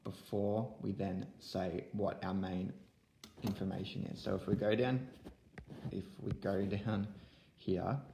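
A man's voice: deep voice, steady tone, slow, creaky, roomy sound, background noise. A young man teaching an online lesson to young pupils from home, explaining step by step into a laptop webcam. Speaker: primary school teacher. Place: room at home.

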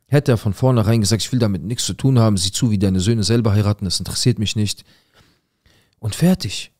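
A man's voice: on the low side, fast, a little mellow, no room sound, clean studio sound, voice pushed up, natural voice. A man voicing an exasperated uncle who scolds in a heated, incredulous tone.

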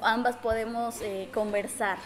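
A woman's voice: a little high, steady tone, measured pace. A young woman with a Mexican Spanish accent, a native Spanish speaker, chatting in an interview as an exchange student. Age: young adult. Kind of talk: casual interview in Spanish with some attempts at Portuguese. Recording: busy chatter of people behind. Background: crowd chatter.

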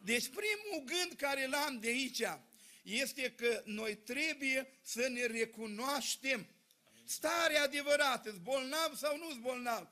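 High-voiced man preaching in church. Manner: folksy, animated storytelling to a congregation. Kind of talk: sermon.

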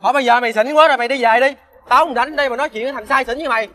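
A man's voice: very high-pitched, rapid-fire, pushed and bright, slight background noise. An actor playing a defiant, jobless young man, making defensive, sneering comebacks in a TV crime drama. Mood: dismissive.

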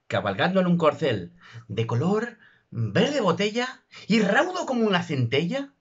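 A man recites comic verse with theatrical drama, slow and declamatory. His husky voice sits fairly high and swoops widely. The recording is dull and muffled. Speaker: narrator.

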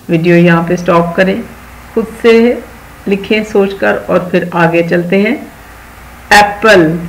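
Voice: mid-range voice, creaky, rough recording. Patient teacher with a Pakistani accent. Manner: patient, instructive, repeats key words and gives moral advice to children; reads English sentences slowly and deliberately. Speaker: primary school English teacher. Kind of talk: recorded video lesson for children.

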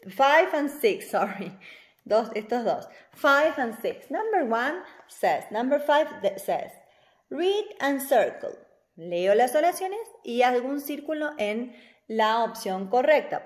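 A woman, teaching a recorded English class to children, slow and patient as she explains grammar. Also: a little high, echoey room. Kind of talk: recorded remote class for kids.

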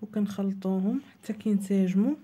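A woman with a Moroccan Arabic accent talks viewers through a home recipe in a cooking voice-over. Her voice is very dark and mellow, middle in pitch, and her delivery is plain and instructive. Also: steady tone, fairly quick, slightly rough. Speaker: cooking channel host.

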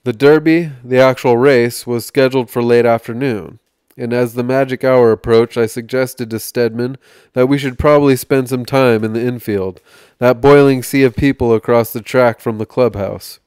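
A man hosting a podcast, reading a magazine article aloud in a measured way, with small slips and restarts. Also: mid-range voice, fairly even intonation, darkish tone, clean tone, no echo, studio quality.

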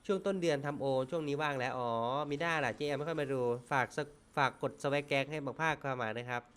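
A man giving excitable, profane live commentary on a slot game stream. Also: a little high, fast talker, clear, resonant tone. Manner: excitable, swears often, shouts at spins.

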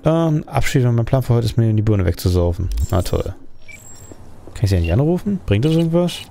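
A man's voice: mid-range voice, big pitch swings, brisk, vocal fry, mellow, slight background noise. A man giving casual let's play commentary, thinking aloud and asking himself questions as he plays.

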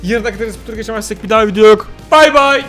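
A young man playing a video game, loud, excitable and teasing, shouting repeated phrases. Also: sits high, very fast, faint music behind. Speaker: gaming YouTuber. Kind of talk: game commentary.

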